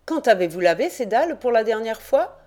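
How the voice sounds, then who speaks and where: Eager young male reporter, sharp and probing, voiced by a woman reader, audiobook. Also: fairly high pitch, very animated, voice pushed up. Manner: quick, insistent questioning. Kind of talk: audiobook character reading.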